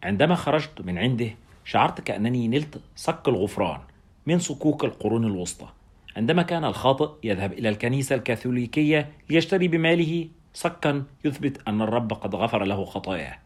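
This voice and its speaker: Fast-reading male audiobook narrator. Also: mid-range voice, lively intonation. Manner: brisk, wry storytelling. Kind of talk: first-person audiobook narration.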